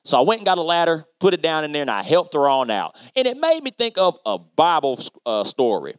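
A man playing an upbeat construction worker who tells a Bible story to children in an animated, chatty way. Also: on the high side, fairly quick, no echo. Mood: lively. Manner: animated, chatty, addresses kids directly. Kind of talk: kids' Bible lesson storytelling.

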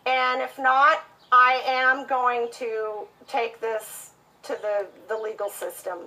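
A woman's voice: on the high side, flat delivery, takes it slowly, pushed and bright, rough recording. A woman customer complaining in a heated phone conversation, indignant and insistent.

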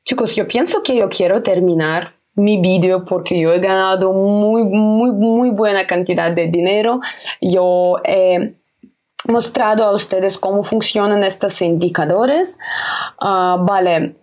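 In an unhurried, medium-pitched voice with a darkish tone, a young woman explains trading steps plainly in a casual screen-recorded tutorial. She repeats points and makes small self-corrections. She's indoors at home, webcam in a corner.

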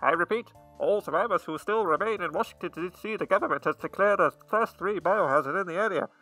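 A man's voice: high-pitched, fairly quick, pushed and bright, faint music behind, voice pushed up, poor audio. A man voicing a male emergency radio broadcaster, reading a warning in a put-on voice. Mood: urgent.

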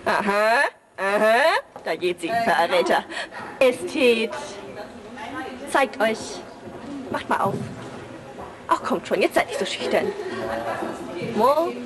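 A young woman with a medium-pitched, expressive voice speaks slowly and pauses often while filming backstage. She teases and jokes with the cast as a camera operator and commentator. The noisy backstage recording carries crowd chatter behind her.

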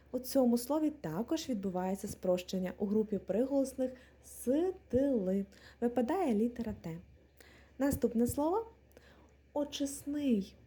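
A young adult woman teaching an exam-prep language lesson, spelling out letters and reading example words one at a time in a clear, deliberate way. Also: fairly high pitch, dark tone.

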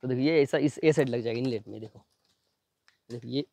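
A man doing a fast, chatty unboxing demo, pointing things out again and again as he shows each part. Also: mid-range voice, vocal fry, dark tone. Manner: fast, chatty, repeats "ye dekho" constantly. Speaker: product reviewer. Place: at home near a building site.

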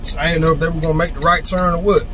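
A man's voice: fairly high pitch, fairly even intonation, racing. A man in his thirties, a truck driver chatting casually and laughing easily as he drives. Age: 30s. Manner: chatty, laid-back, laughs often. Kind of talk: casual driving vlog chat. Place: inside a moving truck cab. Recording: loud road noise. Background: loud road and engine noise.

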